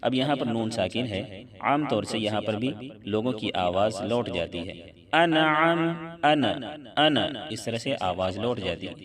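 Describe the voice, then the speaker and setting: A man's voice: lowish voice, distant mic, crowd noise. Quran tutor, male, patient step-by-step tajweed lesson, voice set back from the mic. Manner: explains each letter plainly, then recites slowly and drawn out. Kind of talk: tajweed lesson with slow chanted recitation.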